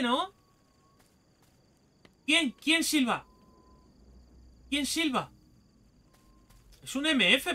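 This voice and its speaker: A man, excitedly commenting as he plays a game, swearing and talking to himself. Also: high voice. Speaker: gaming video host. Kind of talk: let's play commentary.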